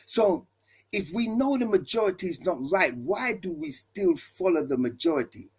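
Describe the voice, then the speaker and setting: A man's voice: high voice, sing-song, normal speed, breathy edge. A male pastor preaching to listeners, building his points with emphatic repeated refrains and rhetorical questions. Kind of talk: preaching talk.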